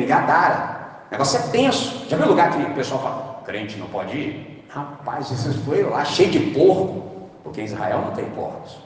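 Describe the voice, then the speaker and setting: A man with a Brazilian accent preaching a sermon in a colloquial, storytelling way, acting out the voices in his stories. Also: a little high. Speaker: pastor. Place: church service. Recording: echoey church hall, mic from far off.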